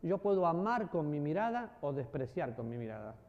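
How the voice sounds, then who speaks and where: Male preacher, high, mellow-toned voice, animated teaching style with playful acted-out asides; dull recording with long reverb. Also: a little fast. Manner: animated, acts out voices and gestures, jokes with the audience. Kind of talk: church teaching talk. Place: church hall.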